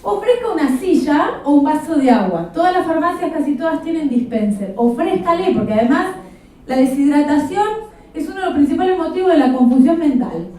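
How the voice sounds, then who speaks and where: A woman's voice: high voice, lively intonation, brisk, dark tone. A woman with an Argentine Rioplatense accent giving a practical, explanatory lecture at a professional conference, with a touch of humor. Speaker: conference speaker. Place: conference hall. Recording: very echoey hall, voice from far off.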